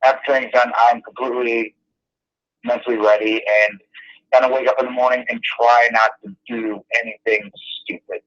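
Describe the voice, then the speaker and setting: A man's voice: mid-range voice, level tone, normal speed, fairly bright tone. A man talking over the phone as an interview guest, telling rambling, self-deprecating stories in a casual way. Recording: muffled phone line.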